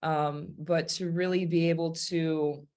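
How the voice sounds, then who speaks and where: A woman from Wisconsin, a jazz singer and pianist, telling a lively story in an interview and acting out the quotes. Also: sits low, measured pace, lo-fi sound. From Wisconsin, USA. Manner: lively anecdotal, acts out quotes.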